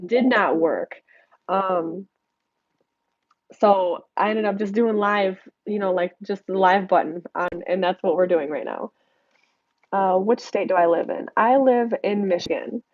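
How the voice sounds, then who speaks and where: A woman's voice: medium pitch, a little slow, dry recording, highs cut off. A young American woman answering viewer questions on a casual live stream, congested and nasal from allergies, chatty and candid as she reads out comments. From United States. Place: home desk.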